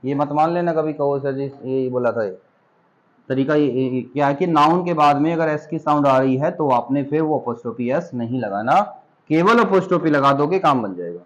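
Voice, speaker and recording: A man teaches English grammar to students in a classroom, patiently explaining each step and calling the students "beta." His voice is a little high at normal speed, and the recording sounds muffled.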